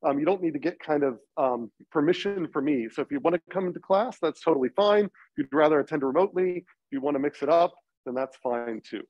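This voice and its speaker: Male university lecturer, higher-pitched, speaking through a face mask with a cold; informal, halting delivery, slightly muffled sound. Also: expressive, no echo. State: getting over a cold. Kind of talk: informal lecture introducing a course. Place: lecture classroom. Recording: slightly dull, muffled classroom recording.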